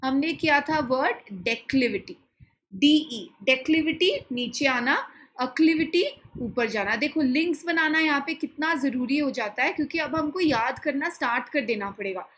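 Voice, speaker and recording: Indian English woman, young adult, high voice, online vocab teacher who mixes Hindi and English and keeps asking "clear, guys?". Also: expressive, moderate pace, fairly bright tone, low-quality recording. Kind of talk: online lesson.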